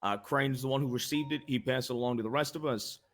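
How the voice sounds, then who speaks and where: A man roleplaying a senator at a briefing answers the crowd with blunt replies, swearing and tripping over his words as he starts over. He speaks quickly in a medium-pitched, fairly bright voice.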